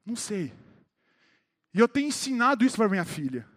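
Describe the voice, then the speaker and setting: High-voiced Brazilian preacher man. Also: sing-song, brisk. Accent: Brazilian Portuguese. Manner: addresses the congregation directly, calling out members by name; grows more fervent and emphatic toward the close. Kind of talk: sermon. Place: church service hall.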